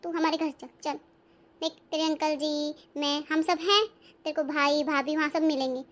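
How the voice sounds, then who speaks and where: A woman's voice: high voice, steady tone, moderate pace, voice pushed down, natural voice. A woman voicing a kind, motherly middle-aged aunt in a cartoon, coaxing and affectionate. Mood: comforting. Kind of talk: cartoon voice acting.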